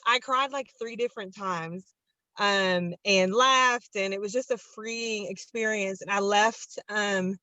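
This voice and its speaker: A woman's voice: medium pitch, a little slow, pushed and bright, no echo, low-quality recording. A young woman, out of breath, sharing a long-winded, earnest and enthusiastic testimonial on a video call. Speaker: program participant.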